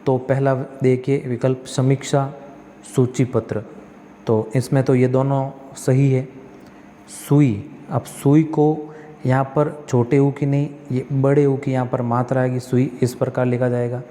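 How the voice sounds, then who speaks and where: A man's voice: mid-range voice, flat delivery, a little slow, mellow, long reverb tail, a little hiss or hum. A male tutor walks through exam practice questions, reading each one, correcting the spellings step by step and asking himself questions that he answers.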